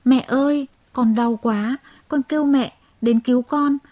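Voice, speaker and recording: A woman's voice: sits high, steady tone, unhurried, dark tone. A woman voicing a naughty young boy frog who skips school, with a childish, whiny way of talking. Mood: pained plaintive.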